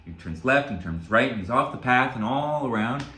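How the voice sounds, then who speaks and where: A man's voice: mid-range voice, lively intonation, moderate pace, bright, forceful tone, roomy sound. A man coaching listeners in a spoken motivational lesson, telling a story and often checking in with "right?". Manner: earnest, storytelling, frequent "right?" check-ins. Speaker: self-help coach.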